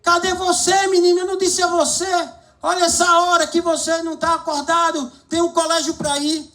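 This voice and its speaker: A man's voice: very high voice, moderate pace, bright, forceful tone, voice pushed up. A man voicing a stern, impatient father who scolds his son in a sermon story. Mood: scolding.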